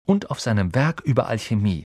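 A male audiobook narrator with an animated, expressive delivery. His voice has a light husky grain. The recording is dry and close, with no room sound. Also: medium pitch, fairly quick, dry recording. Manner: lively, expressive.

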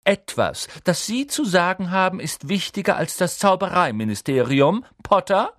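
A man's voice: high voice, very animated, normal speed, a bit bright, no room sound, studio quality, voice pushed up. A man voicing stern Professor McGonagall. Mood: brusque. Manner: clipped, commanding, cool. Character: stern strict older woman professor.

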